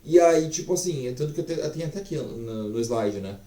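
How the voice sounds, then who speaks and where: A man's voice: a little high, lively intonation, fast talker, warm tone, roomy sound, distant mic. A man teaching a casual online language lesson, chatty and profane, full of fillers.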